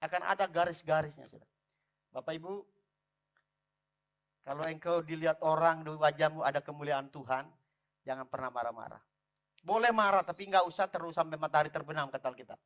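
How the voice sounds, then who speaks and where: Lively man preaching a sermon. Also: a little high, fairly quick, pauses often. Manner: lively preaching, calls out to the congregation. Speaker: pastor. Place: church.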